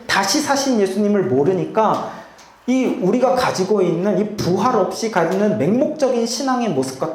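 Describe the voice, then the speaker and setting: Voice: mid-range voice, darkish tone, roomy sound, slight background noise. A pastor preaching a sermon in a church, often putting rhetorical questions to the congregation. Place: church sanctuary.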